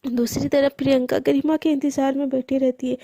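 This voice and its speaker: A woman narrates a story in a chatty, casual way, dropping in fillers and English words as she goes. Her voice is high with a dark, mellow tone, and the recording is close and dry. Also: flat delivery, fairly quick, dry recording.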